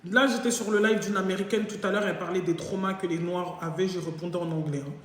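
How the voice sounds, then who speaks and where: A woman's voice: lowish voice, quick pace. A woman hosting a live stream, telling a story in a casual, jokey way and acting out both sides of the conversation. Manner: animated, jokey, acts out both sides of dialogue. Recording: very echoey room with long reverb.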